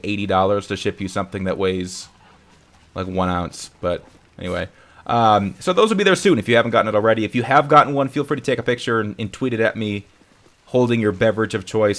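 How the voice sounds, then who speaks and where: A man's voice: fairly low pitch, fairly bright tone. A young man hosting a casual live stream, talking in an upbeat, rambling way that often corrects itself. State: hiccuping.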